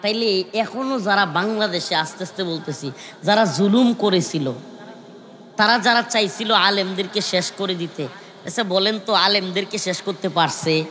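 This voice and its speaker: A man delivers a night-time sermon to a large gathering, his high, bright voice ringing through a public-address system with long reverb. He rouses the crowd with calls and shifts into sung chanting for the Arabic verses. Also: normal speed. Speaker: preacher. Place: large outdoor religious gathering.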